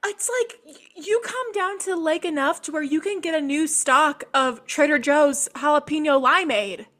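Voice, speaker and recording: A woman's voice: high voice, normal speed, pushed and bright. A young woman co-hosting a podcast, chatting casually with teasing asides. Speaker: podcast co-host. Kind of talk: casual chat.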